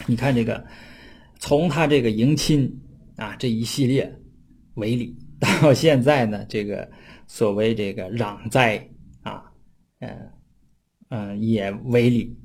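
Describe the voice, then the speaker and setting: A man with a slightly husky, mid-pitched voice lecturing informally on ancient texts. He talks in a relaxed, conversational way and keeps turning to his listeners with little tag questions. When he quotes a classical passage, he slows to a measured reading pace. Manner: chatty, often adds tag questions for listeners; slows down to read classical text aloud. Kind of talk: casual explanatory lecture.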